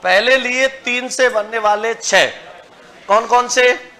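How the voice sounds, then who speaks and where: High-voiced male Hindi teacher drilling class. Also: sharp tone, a little hiss or hum. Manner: asks students questions, makes them repeat after him; drills lists slowly, syllable by syllable. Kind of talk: classroom lecture.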